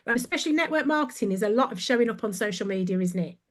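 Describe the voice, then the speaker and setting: A woman from England with a Birmingham accent joins a podcast conversation as a guest, telling animated stories and laughing easily. Her voice is fairly high and expressive, and she talks fast.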